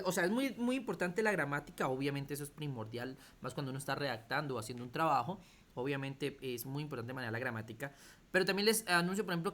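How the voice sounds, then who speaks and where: A man's voice: on the high side, fairly bright tone. Chatty man teaching an online class. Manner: repeats himself, checks in with students often. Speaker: computer teacher.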